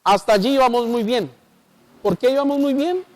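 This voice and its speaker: High-voiced Colombian pastor teaching. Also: male voice, normal speed, darkish tone. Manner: explanatory, asks the audience rhetorical questions. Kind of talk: televised Bible teaching. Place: local TV studio.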